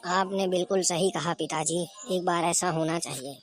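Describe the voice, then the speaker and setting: A woman's voice: lowish voice, steady tone, normal speed, close to an everyday voice. A woman voicing a cheeky, self-assured young daughter-in-law in a comedy skit. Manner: cheeky, talks back. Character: cheeky young daughter-in-law, dim but sure of herself.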